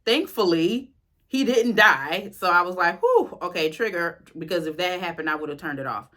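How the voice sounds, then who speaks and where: A woman from the US South, reviewing a series as an author in a chatty, expressive way with slangy asides. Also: fairly low pitch, normal speed. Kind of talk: casual spoken review.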